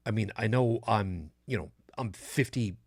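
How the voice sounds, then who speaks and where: This is a podcast host in his fifties, talking casually and rambling, restarting often and leaning on fillers. The studio-quality, echo-free recording captures a low-ish, creaky voice that moves a little slowly.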